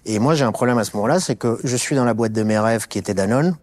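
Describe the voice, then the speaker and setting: A man's voice: mid-range voice, fast, a little mellow. A middle-aged man from Alsace, a guest in a conversational interview, telling his story with many fillers and restarts. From France (Alsace). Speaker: interview guest, business executive.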